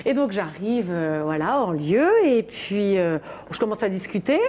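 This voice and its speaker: A woman's voice: medium pitch, a little slow. A woman parenting coach, animatedly telling an anecdote in an interview and acting out the dialogue. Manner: animated storyteller, acts out dialogue, many fillers.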